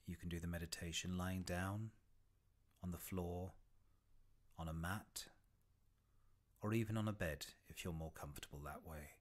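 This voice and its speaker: A man with a deep voice and fairly even intonation leads a body scan meditation. The pace is gentle and unhurried, with long breaks between short phrases and breathy, soft phrase endings.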